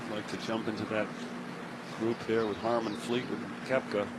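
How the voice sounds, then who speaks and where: A man's voice: fairly low pitch, little pitch movement, normal speed. A man giving live golf commentary in a conversational, descriptive way. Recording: noisy outdoor broadcast with crowd. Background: loud crowd and outdoor ambience.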